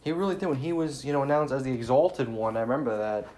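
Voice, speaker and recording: Talking fast in a medium-pitched, somewhat mellow voice, this man hosts a solo podcast as a casual tribute. He sounds sincere but saddened and subdued, with plenty of fillers and false starts.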